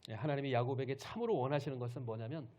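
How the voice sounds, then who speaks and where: A man's voice: mid-range voice, fast talker, a little mellow. A male pastor preaching a Sunday sermon, retelling a story and putting questions to the congregation.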